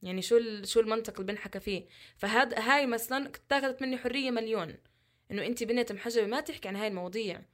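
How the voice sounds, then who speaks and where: A woman appears as an interview guest, a social media content creator talking candidly. Her voice is on the high side and very fast, passionate and emphatic, full of rhetorical questions.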